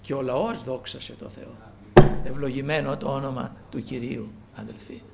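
A man preaching a sermon with fervor, rising to loud calls and dropping low. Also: fairly even intonation, vocal fry, heavy background noise.

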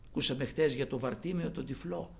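A male preacher giving a sermon, dropping to hushed murmurs and then rising to loud, fervent exhortation. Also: medium pitch, creaky.

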